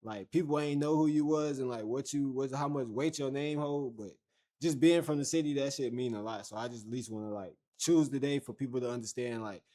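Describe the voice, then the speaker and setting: A man's voice: medium pitch, brisk, mellow. A young man from Fayetteville, North Carolina, hosting a livestream in loose, slangy, profane casual chat full of fillers. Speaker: livestream host.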